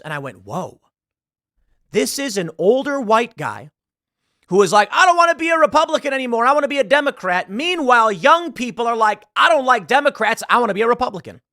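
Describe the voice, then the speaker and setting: A man, talking through political news in a solo commentary, animated and sarcastic. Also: high voice, no echo, studio quality. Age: 30s. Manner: animated, sarcastic, mocking quoted voices.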